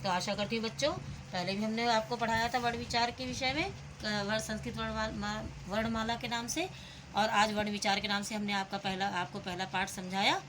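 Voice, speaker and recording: A woman teaching young students a grammar lesson. She breaks each word into its sounds slowly and asks the children questions as she goes. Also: fairly high pitch, steady tone, noisy background. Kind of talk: slow, patient classroom explanation.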